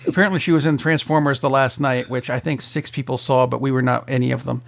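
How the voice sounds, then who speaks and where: A man's voice: medium pitch, steady tone, quick pace, vocal fry. A middle-aged man hosting a film podcast, leading the segments with dry joking asides. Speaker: podcast host. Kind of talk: casual chat. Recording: muffled lo-fi podcast audio.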